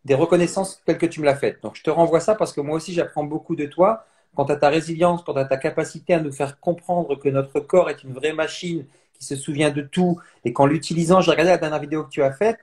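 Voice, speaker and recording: A man's voice: fairly high pitch, steady tone, fast, few pauses, a little mellow. A man from France, a mindset trainer, speaking earnestly in a live online interview and repeating phrases for emphasis. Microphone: phone on mobile data.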